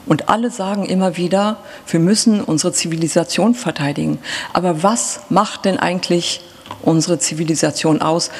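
A middle-aged German author speaking on stage, thoughtful and halting, pausing often and filling gaps with hesitations. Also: female voice, on the low side, breathy edge. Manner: thoughtful, halting, with pauses and fillers. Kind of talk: reflective talk before a reading. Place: large theatre stage. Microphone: stand mic, seated. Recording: reverberant hall.

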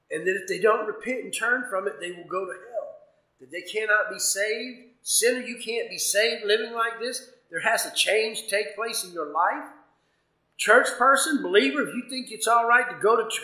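A man's voice: sits high, pushed and bright, roomy sound, poor audio. A man preaching a fervent, emphatic sermon, punctuating points with "amen" and reading scripture aloud.

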